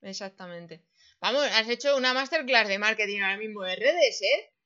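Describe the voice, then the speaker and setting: A woman hosting a casual podcast chat, lively and colloquial, laughing often. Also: mid-range voice, moderate pace, muffled recording. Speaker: host.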